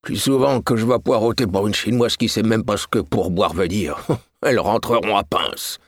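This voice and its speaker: A man's voice: on the low side, moderate pace, no room sound, studio quality. Man playing a grumbling coarse cabman. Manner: muttering, slangy grumble. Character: grumbling Parisian cab driver, coarse.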